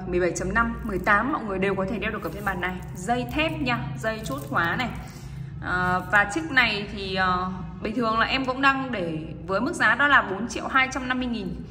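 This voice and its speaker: A woman with a bright, forceful voice delivers a hard-sell shopping pitch. She is insistent and repetitive, tagging her points with little questions. The room rings with long echo and there is noise behind her. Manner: repetitive, insistent, seeking agreement with tag questions. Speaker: online watch seller. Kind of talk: live sales pitch, casual hard sell. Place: indoor watch display table.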